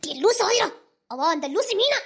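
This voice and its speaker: A woman's voice: very high voice, very animated, moderate pace. A woman voicing an exasperated village mother who scolds bluntly, with a Tirunelveli Tamil accent. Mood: scolding. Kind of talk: Tamil serial drama dialogue.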